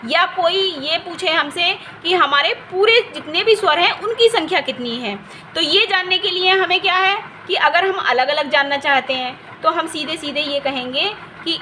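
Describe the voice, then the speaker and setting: A woman's voice: very high voice, bright, forceful tone, slight background noise. A woman teaching a Hindi grammar lesson for exam preparation, explaining patiently, repeating key terms and often checking that students have understood. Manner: stretches vowels to demonstrate length.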